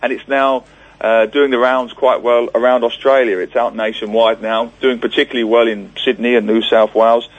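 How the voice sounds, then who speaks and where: A man who grew up in Singapore talks as a guest author on a radio show. He tells chatty, self-deprecating stories and slips into quoted voices for comic effect, at a middle pitch. The sound is a little dull, as it is over radio. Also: flat delivery, normal speed. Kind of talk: radio interview, phone-in guest.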